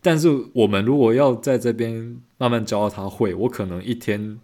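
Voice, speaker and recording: A man's voice: medium pitch, moderate pace. A man, co-hosting a podcast and telling stories in casual chat, acting out the dialogue. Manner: animated storyteller who acts out dialogue. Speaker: podcast co-host.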